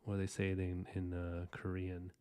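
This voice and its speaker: A man's voice: deep voice, completely flat delivery, moderate pace, mellow, clear, resonant tone. A man in his thirties talking loosely through a drawing lesson as he sketches, rambling and chatty with many restarts. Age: 30s. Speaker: artist hosting a drawing podcast. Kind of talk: casual drawing tutorial while sketching.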